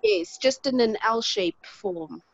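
A woman's voice: on the high side, big pitch swings, takes it slowly, gravelly, dry recording, muffled recording. A woman joining an online workshop as a participant, polite and eager, a little hesitant. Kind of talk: casual chat on a video call.

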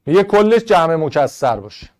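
A man teaching an online Arabic grammar class in Persian, going briskly through test answers and rules, step by step. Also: fairly high pitch, sing-song, darkish tone. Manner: brisk, explaining step by step to students.

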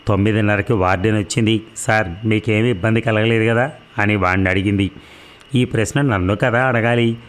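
A man reading a serialized novel aloud in an even, steady storytelling voice. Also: fairly low pitch, brisk. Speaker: narrator.

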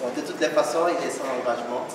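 A man's voice: mid-range voice, quick pace. Male show host, playful audience banter, distant mic in an echoey hall with heavy noise. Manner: joking, teasing banter with the audience. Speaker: master of ceremonies. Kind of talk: hosting a live show. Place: stage at an evening show. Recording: echoey hall, far mic, loud crowd.

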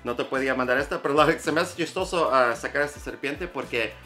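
Excited man in an echoey room. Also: mid-range voice, fairly quick, faint music behind. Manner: excited, mixes English fillers into Spanish. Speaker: reptile breeder and YouTuber. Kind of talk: casual vlog talk to camera.

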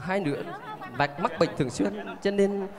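A man playing a calm, reassuring doctor in an amateur stage drama. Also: high voice, normal speed, a crowd in the background. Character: dedicated on-duty male doctor, adult. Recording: reverberant hall.

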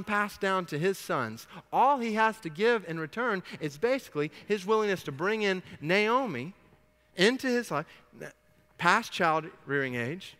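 A man preaching a sermon, animated, swinging from hushed to loud and acting out the dialogue. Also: high-pitched, in a large hall. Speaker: pastor.

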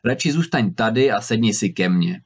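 A man's voice: on the low side, expressive, gravelly, husky, exaggerated voice. A man voicing a stern, worried old woodcutter father who scolds his son in a storybook reading. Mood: scolding. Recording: slightly dull recording.

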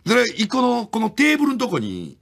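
A man's voice: very high voice, fairly quick, vocal fry, a crowd in the background. A man with a Kansai accent hosting a radio show, telling stories in casual chat and acting out grumpy old men. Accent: Kansai Japanese. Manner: animated storyteller who acts out angry old men. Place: radio studio.

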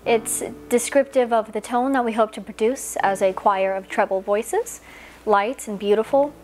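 Young woman, higher voice, articulate and thoughtful. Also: normal speed, a little mellow. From California. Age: 20s. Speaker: choir student. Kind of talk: casual reflection. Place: living room at home.

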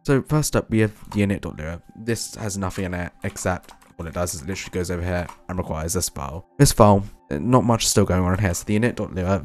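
A young man casually walking through his setup on a screen recording, chatty, with quick asides and self-corrections. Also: deep voice, darkish tone. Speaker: programming YouTuber.

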